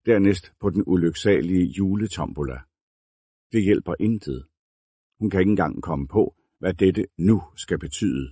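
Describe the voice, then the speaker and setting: A man reading a novel aloud as a narrator, in a measured, deliberate way. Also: low voice, dark tone, husky, no room sound, studio quality. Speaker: audiobook narrator. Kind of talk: scripted narration.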